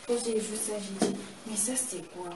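Woman recounting her testimony with animated storytelling, recorded from a distance in a roomy space with noise behind. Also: mid-range voice, moderate pace. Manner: vivid storytelling, acts out what happened. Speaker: guest giving a testimony. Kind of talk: personal testimony in conversation.

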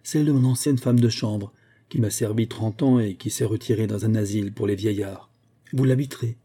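A kind older lady speaks calmly and with gentle firmness, as a man reads her part. Her tone is very dark and mellow, with a husky edge. She is a storybook benefactor, sure of herself. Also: lowish voice, a little fast. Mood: kindly. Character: kind older woman, calm and firm benefactor.

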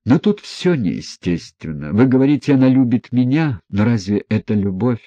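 A man reading an audiobook, voicing a gentle, troubled young prince who speaks quietly, earnestly and with hesitation. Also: mid-range voice, very animated, normal speed, dry recording, voice pushed up. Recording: dry, dull close recording.

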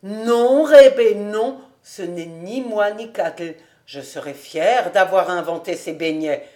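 A woman's voice: fairly low pitch, takes it slowly. A woman voicing a jovial, well-off man who teases his old friend, in an audiobook reading. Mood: cheerful. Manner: teasing, half-serious. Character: jovial well-off man, teasing, fond of food.

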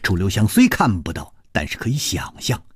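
A man's voice: huge pitch swings, slightly rough, no echo, clean studio sound. A man narrating a story in a dramatic storytelling style. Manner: dramatic, slow, widely varied pitch.

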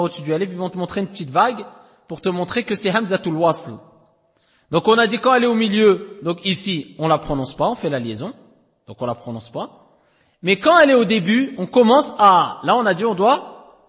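A man teaching Quran recitation rules, repeating each word slowly and often checking that his students follow. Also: sits high, fairly bright tone, long reverb tail. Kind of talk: tajwid lesson explaining rules. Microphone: lo-fi audio recording.

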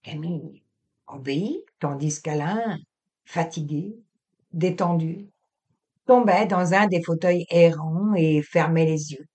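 A woman reading a literary novel aloud in a measured, expressive way. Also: on the low side. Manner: slow, measured, expressive delivery. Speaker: audiobook reader.

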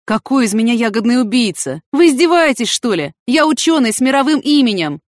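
Woman putting on a huffy scientist guy, squeaky and outraged, dry sound. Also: very animated, fairly quick, dry recording. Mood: indignant. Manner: protesting, high-strung. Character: indignant male scientist, pompous and flustered.

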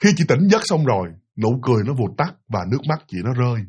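A man's voice: mid-range voice, very animated, fast talker, a little mellow, husky. A man with a Southern Vietnamese accent retelling a listener's spirit story in a chatty way, talking straight to his audience. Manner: chatty, addresses listeners, many restarts.

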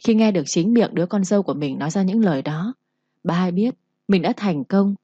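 Storyteller: woman, low mellow voice, dull dry recording, narrates and voices all parts herself. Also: animated, a little fast, slightly rough, no room sound. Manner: reads every character's lines in her own voice.

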